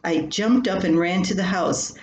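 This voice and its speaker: Reading aloud from her own funny personal column, an older woman tells it with wry drama. Her voice is lowish and a little mellow, at a moderate pace, though the audio sounds dull. There's roomy echo and noticeable background noise.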